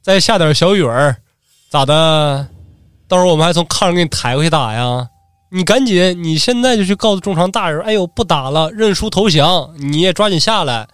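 A man's voice: expressive, fairly quick, fairly bright tone, smooth, dry recording, studio quality. A man voicing an old samurai's wife who wails and scolds her husband. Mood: scolding. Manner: scolding, shrill and wailing. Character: nagging wife of an old samurai, about sixty.

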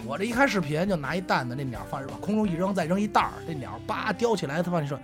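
A man's voice: high-pitched, racing, faint music behind. A man with a Beijing accent telling comic stories casually among friends, slangy and acting out what people said. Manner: animated, slangy, acts out quoted remarks.

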